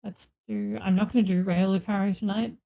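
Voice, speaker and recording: Woman doing chill game stream commentary, mellow voice with some fry, thinking out loud, bit of noise. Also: mid-range voice, fairly even intonation, brisk. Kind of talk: casual gameplay commentary.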